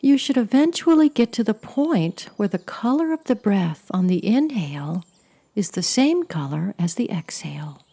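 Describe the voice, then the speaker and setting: A woman leading a guided meditation in a soft, soothing, breathy voice that often sinks close to a whisper. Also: mid-range voice, very animated, moderate pace. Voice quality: breathy, husky.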